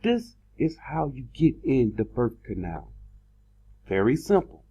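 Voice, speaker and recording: A man's voice: mid-range voice, wildly swooping pitch, a little slow, warm tone, slightly rough. A man preaching in a sermon style, stressing words by stretching them out and repeating phrases. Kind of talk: sermon-style scripture teaching. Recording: dull lo-fi recording.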